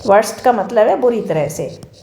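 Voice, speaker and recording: A woman with an Indian accent giving a classroom lecture, explaining in Hindi mixed with slow, deliberate English phrases. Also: on the high side, animated, dark tone, a little hiss or hum. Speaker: teacher. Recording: echoey room.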